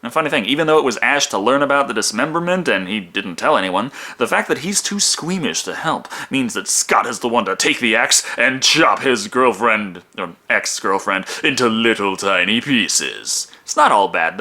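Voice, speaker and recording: A man's voice: medium pitch, very animated, normal speed, hardly any pauses, sharp tone. A man narrating a comedic film review in a sarcastic, profane, mock-hesitant manner.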